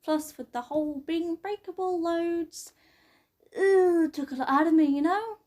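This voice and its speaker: A woman voicing an exhausted, gentle teenage boy hero student who mumbles sleepily. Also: very high voice, measured pace, voice pushed up. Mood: tired.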